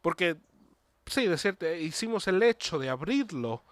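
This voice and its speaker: A man's voice: on the high side, big pitch swings, measured pace, dry recording. A man preaching a sermon earnestly, repeating himself and restarting phrases, with an English word slipped in now and then. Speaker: pastor.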